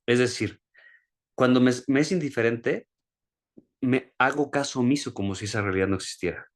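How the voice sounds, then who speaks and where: A man teaching an online class over a video call. He explains a concept in a plain, everyday speaking voice, often restarting and repeating words. When he gives an example he raises his pitch. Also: normal speed. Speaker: course instructor.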